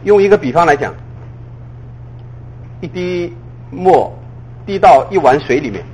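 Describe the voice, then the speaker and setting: Husky high-voiced male preacher. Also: quick pace, poor audio. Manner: lively, full of rhetorical questions; chuckles at his own points. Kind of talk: sermon.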